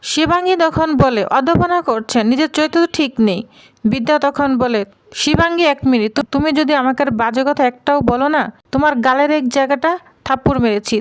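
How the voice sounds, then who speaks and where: A high-pitched woman narrates a drama's plot, speaking each character's lines herself without changing her voice much. Her delivery is lively, and the sound is dry and close to the mic. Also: dry recording. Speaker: narrator retelling a serial episode. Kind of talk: storytelling recap with quoted dialogue.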